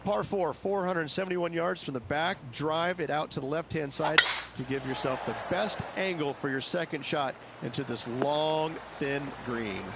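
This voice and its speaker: A man acting as a male golf commentator with a somewhat high voice gives course analysis in a video game. He is plain-spoken, folksy and matter-of-fact, with clear outdoor noise behind him. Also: moderate pace, lightly acted.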